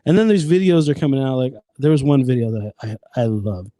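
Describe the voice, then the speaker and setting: A man's voice: medium pitch, lively intonation, a little fast, warm tone, no room sound. A man in his twenties, a podcast guest in casual chat, rambling with many restarts and swearing freely. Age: 20s.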